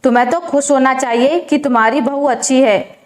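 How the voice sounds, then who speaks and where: A woman voicing a calm, wise older man, a father-in-law who gently lectures his wife. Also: high voice, moderate pace, close to an everyday voice. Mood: calm advice. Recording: roomy echo.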